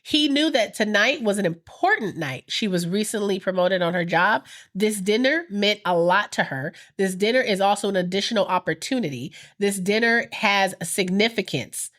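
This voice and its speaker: A woman in her thirties with a stuffy, congested nose, hosting a casual podcast with animated, teasing banter. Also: mid-range voice, moderate pace, hardly any pauses. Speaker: podcast host.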